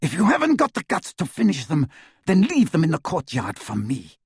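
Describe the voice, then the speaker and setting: A man voicing a cruel, fanatical witch who shrieks and sneers in a high, strained voice. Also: huge pitch swings, normal speed, a little mellow, husky, dry recording, studio quality, full character voice. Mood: intense. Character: shrill unhinged female witch, cruel and fanatical.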